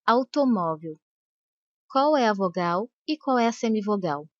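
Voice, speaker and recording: A woman teaching a grammar lesson, speaking slowly and carefully and stretching out the sample words. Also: medium pitch, animated, background noise. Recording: dry, dull lo-fi voice-over.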